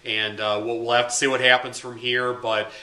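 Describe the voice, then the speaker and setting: A man in his thirties talks through a match analysis straight to camera, in a loose and conversational way. His voice has a very bright, sharp edge. It bounces around a small, echoey room. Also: medium pitch, little pitch movement, moderate pace. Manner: conversational, uses fillers, gestures with hands. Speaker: high school sports beat writer. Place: small plain room indoors.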